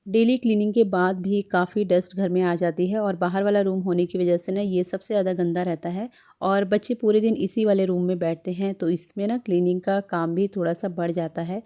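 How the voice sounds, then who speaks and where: A woman in her thirties talks through her home vlog as a voice-over, gentle and chatty as she hands out homemaking advice. Her voice sits a little low and sounds mellow and warm. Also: fairly even intonation, brisk. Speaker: homemaking vlogger.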